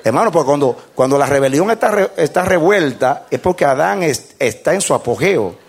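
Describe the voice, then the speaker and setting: Husky, animated male preacher. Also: on the high side, normal speed. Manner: animated, emphatic, playful, acts out scenes. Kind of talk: sermon.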